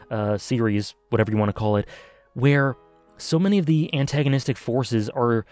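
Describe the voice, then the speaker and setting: A man's voice: medium pitch, darkish tone, dry recording. A man casually reviewing an anime arc, thinking aloud with many fillers and self-corrections.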